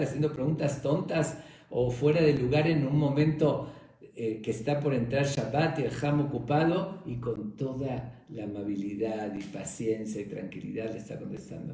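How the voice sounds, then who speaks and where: Rabbi telling a story in an echoey room. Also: male voice, medium pitch, gravelly. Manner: animated storytelling, acts out voices. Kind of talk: storytelling Talmud lesson.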